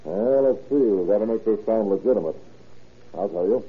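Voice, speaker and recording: Hard-boiled 1930s police captain, tinny recording. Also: male voice, on the low side, fairly quick, slightly rough. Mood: businesslike. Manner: clipped, tough 1930s cop talk. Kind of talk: 1930s radio crime drama acting. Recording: tinny, noisy old radio recording.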